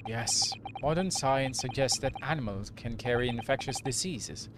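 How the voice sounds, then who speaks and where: A man streaming a mystery game, reading the detective's lines in a measured, formal way and chatting in between. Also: mid-range voice, background noise. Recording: clear game music behind the voice.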